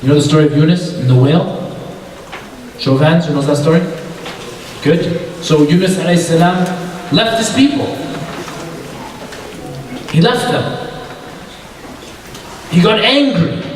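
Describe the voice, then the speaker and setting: A man's voice: a little high, measured pace, pauses often, a little hiss or hum. Man preaching in an echoey hall. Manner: asks the audience questions, repeats short phrases for emphasis. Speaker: youth conference speaker. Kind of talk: religious talk to a youth audience. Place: large hall with an audience. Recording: echoey hall, speaker far from the mic.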